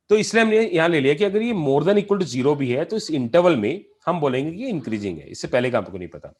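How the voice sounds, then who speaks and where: Male math teacher, step-by-step lecture, animated and slightly high-pitched. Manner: explains step by step, asking students questions; mixes in English math terms. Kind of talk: classroom lecture on calculus.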